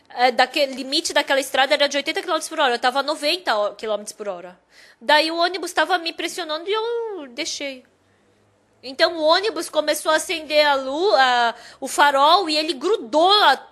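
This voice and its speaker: A woman preaching a sermon as a personal story, going from hushed to emphatic. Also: sits high, normal speed. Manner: animated storytelling, loudness swinging from hushed to emphatic.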